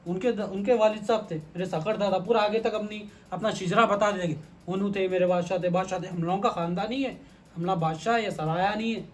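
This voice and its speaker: A proud, hot-tempered king, told in a man's high voice as a preacher acts him out. He talks in an indignant, boastful way. A faint hiss runs under the voice. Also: steady tone, natural voice.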